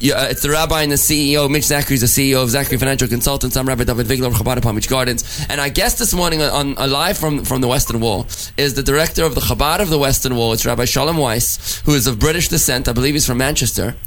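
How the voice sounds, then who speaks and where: Fast-talking male radio host. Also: medium pitch, fairly bright tone, a little hiss or hum. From United States. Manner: chatty, quick, with many restarts. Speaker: radio show host, rabbi. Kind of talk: radio talk show interview.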